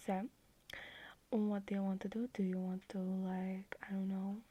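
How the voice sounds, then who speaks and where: A woman's voice: mid-range voice, level tone, a little slow, dark tone, husky. A young woman whispering as an affectionate, clingy girlfriend in an ASMR roleplay on a video call at night.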